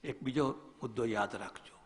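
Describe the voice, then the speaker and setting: A man's voice: medium pitch, moderate pace, big-room sound. A man, a swami, giving a religious discourse as a storytelling preacher who asks rhetorical questions.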